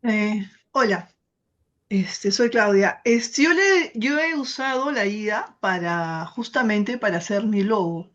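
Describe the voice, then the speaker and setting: A woman's voice: medium pitch, expressive, slow pace, highs cut off. A woman in a workshop telling a story in a chatty way, acting out bits of dialogue and often restarting her sentences. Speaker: workshop participant. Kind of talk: casual anecdote in class.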